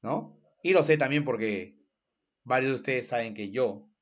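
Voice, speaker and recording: A man's voice: mid-range voice, animated, moderate pace, lo-fi sound. A man from Callao with a Peruvian accent, teaching history in an online class, checking in with students and acting out sound effects. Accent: Peruvian Spanish. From Callao, Peru.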